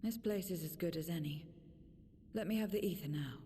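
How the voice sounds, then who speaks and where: A woman's voice: fairly low pitch, brisk, slight background noise, lightly acted. A woman voicing a haughty, self-serving mercenary in a fantasy video game, curt and taunting. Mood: demanding. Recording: loud game music behind.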